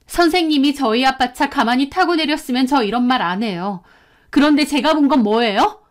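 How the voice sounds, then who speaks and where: Brief: upset teen girl student, high-pitched, accusing, voiced by a woman narrator. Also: brisk, lightly acted. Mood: agitated. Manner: agitated, accusing. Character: angry teenage schoolgirl confronting her teacher.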